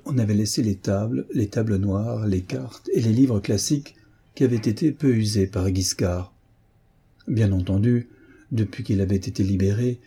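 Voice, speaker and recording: A man reading a novel aloud as a narrator, in a measured, even storytelling delivery. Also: on the low side, breathy edge. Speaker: audiobook reader. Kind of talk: scripted narration.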